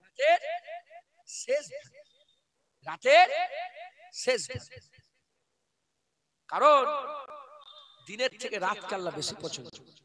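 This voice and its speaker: A hoarse male preacher delivering a fervent sermon at a religious gathering, swinging from shouting to quiet asides. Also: high-pitched, very animated, takes it slowly, pauses often. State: hoarse, voice gone.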